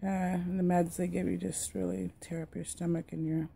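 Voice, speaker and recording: A middle-aged woman talking in a subdued, weary, halting way for a casual video diary, sore in the throat and tongue after tonsil surgery, recorded on a phone at home. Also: fairly low pitch, little pitch movement, gravelly, warm tone, breathy edge. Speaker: vlogger. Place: dim living room at home. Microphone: phone at arm's length.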